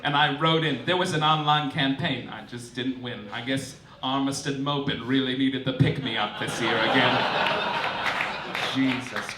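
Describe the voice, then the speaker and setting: On an indoor cabaret club stage, a stand-up comedian hosting a live show delivers a satirical monologue in a steady, mid-range voice, a little slow. He's campy and theatrical, with swooping emphasis and mock-formal announcements. The recording is distant and roomy, with clearly noticeable noise.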